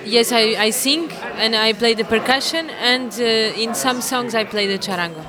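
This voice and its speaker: A woman's voice: fairly high pitch, moderate pace. Woman, hesitant amateur musician being interviewed, chatter in the background. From Portugal. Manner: hesitant, many fillers and restarts. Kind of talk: casual interview answers. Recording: crowd chatter behind.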